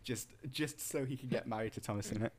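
A man co-hosting a casual podcast chat, teasing the others with quick quips. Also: medium pitch. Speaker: podcast co-host.

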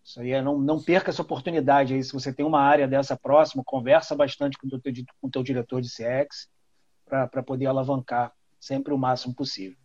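A man's voice: mid-range voice, fast talker, darkish tone, dry recording. A man with a Brazilian Portuguese accent hosting a casual live online interview in an informal, chatty, slangy way. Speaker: host of an online product management talk show. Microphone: video call. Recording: dull, lo-fi online call audio.

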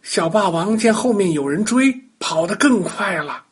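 An older man narrating a bedtime story for children, talking lively and speaking directly to the young listeners. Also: sits high, moderate pace, husky.

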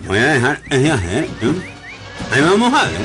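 A man's voice: mid-range voice, huge pitch swings, moderate pace, music in the background. A man doing a nasal, cursing ox-cart driver. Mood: grumbling. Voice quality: nasal speech impediment. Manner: grumbles and swears constantly. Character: hot-tempered grown male ox-cart driver, cursing.

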